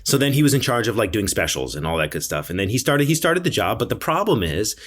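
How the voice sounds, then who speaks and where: A middle-aged man, a chef co-hosting a podcast, telling stories in a slangy, animated way and often repeating himself. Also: fairly low pitch, fast talker. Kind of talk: casual chat.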